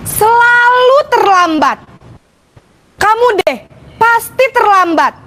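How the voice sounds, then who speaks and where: A woman's voice: very high voice, lively intonation, a little slow, bright, forceful tone, slight background noise, heavily acted. A woman playing a schoolteacher in a classroom role-play, scolding a late student, then sighing and guilt-tripping him.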